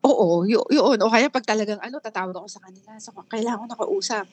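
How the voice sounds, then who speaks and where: Filipina na nag-iisip habang nagkukuwento. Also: female voice, medium pitch, darkish tone, a little hiss or hum. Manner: candid, halting, many restarts and fillers. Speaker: guest. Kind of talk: emotional personal interview.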